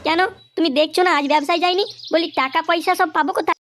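With music playing behind her, a woman voices a cartoon's downcast male hawker, a poor man who jokes wearily, sighs and keeps repeating 'বুঝলে'. Her delivery is very high-pitched, steady in tone and rapid-fire.

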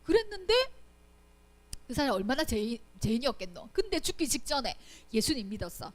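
A woman with a Gyeongsang Korean accent giving a children's Sunday school sermon. She tells the story in an animated way and keeps checking in with rhetorical questions. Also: on the high side, fairly quick. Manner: acts out quoted voices.

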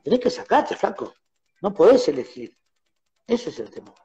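A man with an Argentine accent, a musician guest speaking in a casual radio interview, telling his stories with animated acted-out exchanges. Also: high-pitched, normal speed, lo-fi sound. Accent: Argentine Spanish. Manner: animated storyteller acting out phone quarrels. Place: radio studio.

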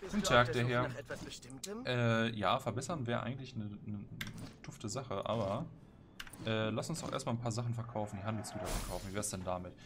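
A man's voice: lowish voice, brisk, a crowd in the background. A man giving casual, playful, slangy gameplay commentary, often talking to himself and the game. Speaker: let's player. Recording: clear background game noise. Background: game ambience.

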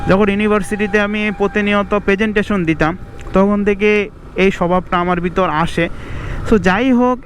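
A young man with a Bangladeshi Bengali accent, vlogging casually outdoors in fast, chatty talk mixed with English words. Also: sits high, steady tone, slight background noise. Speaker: motovlogger. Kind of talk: casual outdoor moto vlog. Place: outdoors by a roadside.

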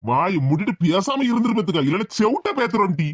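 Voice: medium pitch, sing-song, fast, breathy edge, no echo, studio quality. A voice actor playing a hot-tempered village man with a Tirunelveli accent, scolding and threatening his niece in a cartoon. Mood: angry scolding. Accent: Tirunelveli Tamil.

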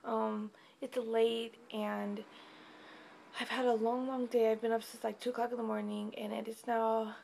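A woman's voice: on the high side, flat delivery, moderate pace, gravelly, a little mellow, a little hiss or hum. Tired, chatty young woman vlogging. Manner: chatty, rambling, many fillers. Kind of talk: casual pregnancy update vlog.

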